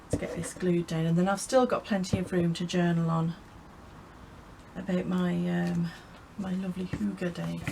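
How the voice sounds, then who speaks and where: A woman's voice: fairly low pitch, flat delivery, moderate pace, creaky, warm tone, a little hiss or hum, poor audio. A woman chatting casually as she crafts at home, rambling and laughing often. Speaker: craft vlogger.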